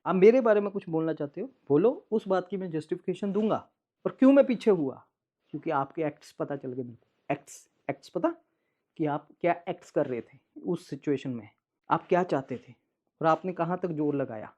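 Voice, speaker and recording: A man's voice: on the high side, animated, fairly quick, dark tone, highs cut off. A man vlogging to his followers in an emotional monologue, aggrieved and accusing as he speaks straight to his estranged wife.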